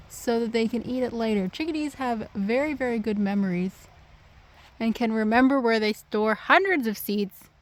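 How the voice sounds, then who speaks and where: A woman's voice: a little high, darkish tone. A woman vlogging casually outdoors in the woods, coaxing wild birds and talking to them. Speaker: nature vlogger. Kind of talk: casual outdoor vlog narration.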